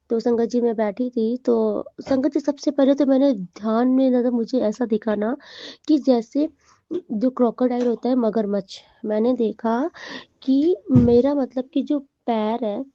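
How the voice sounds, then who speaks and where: A woman's voice: fairly high pitch, mellow, no room sound, dull audio. A young woman telling her congregation a devotional testimony, chatty and full of fillers and self-corrections.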